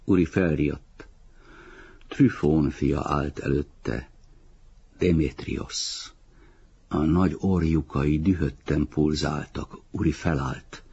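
Egy férfi, aki nyugodt, kimért tempóban olvas fel egy regényt hangoskönyvként, rekedtes hangon. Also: male voice, very deep voice, vocal fry, breathy edge, highs cut off. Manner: calm, measured literary reading. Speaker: audiobook reader. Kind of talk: audiobook narration.

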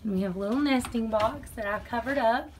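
Chatting quickly in a somewhat high voice, a homestead vlogger from Tennessee, USA, does farm chores and rambles with frequent laughter. A handheld phone captures her outdoors and in a barn, with slight background noise.

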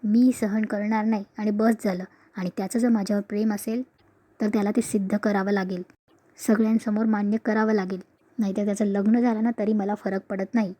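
A woman voicing a defiant young wife who argues her point step by step, reading slowly in her own voice. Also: mid-range voice, level tone, dark tone, close to an everyday voice.

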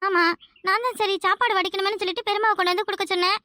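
A woman voices a sharp-tongued, teasing young village wife in a cartoon comedy, speaking with a Tirunelveli Tamil accent and firing off rapid, needling questions. Her very high voice holds fairly even intonation, sounds alarmed and nosy, and has no echo.

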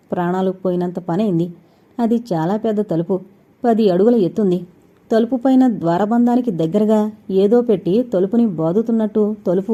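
A woman narrating a suspense audio novel in a steady storytelling read. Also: medium pitch. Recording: slightly dull recording.

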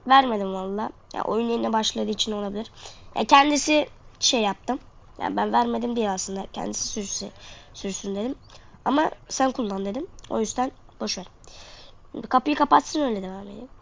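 Her voice sits on the high side, a little quick, creaky and slightly bright, and she sounds stuffed up and sniffly. She's a gaming video host throwing out slangy, casual commentary to viewers mid-play, captured on a dull lo-fi mic.

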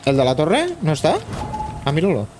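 Animated, bossy Castilian gamer guy. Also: fairly high pitch, moderate pace, over music. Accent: Castilian Spanish. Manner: bossy, teasing, foul-mouthed. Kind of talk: casual gameplay chat. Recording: game vehicle and action noise behind.

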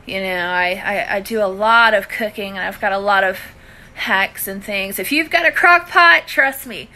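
Holding her phone out at arm's length in a living room, a Southern-accented Louisiana woman in her thirties runs a live stream about cooking and budgeting, talking casually to viewers and calling them friendly pet names. She speaks at a normal speed in a mid-range voice with a sharp tone.

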